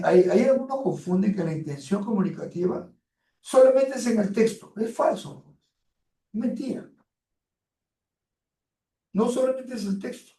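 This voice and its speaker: Lecturer, gravelly voice in an echoey room. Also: male voice, high-pitched, warm tone, recorded from a distance. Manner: drawn-out emphatic delivery with many fillers; colloquial, addresses students directly. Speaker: university lecturer. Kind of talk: online class lecture.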